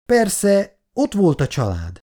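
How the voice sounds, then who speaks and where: A man's voice: high voice, wildly swooping pitch, dark tone, voice pushed up, heavily acted. A reader voicing a lovesick young man who presses with eager questions in a storybook reading. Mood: pressing.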